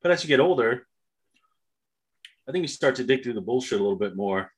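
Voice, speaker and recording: A man's voice: mid-range voice, animated, a little fast. Male podcast co-host with a mid-range voice; loose, rambling, sweary storytelling with acted-out dialogue. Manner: rambling, profane, acts out imagined dialogue. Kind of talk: casual opinionated chat.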